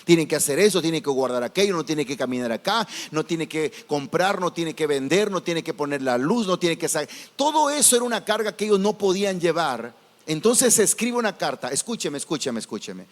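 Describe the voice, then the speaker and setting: A man preaching a sermon as pastor, animated and acting out the voices of churchgoers. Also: high-pitched. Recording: reverberant church hall.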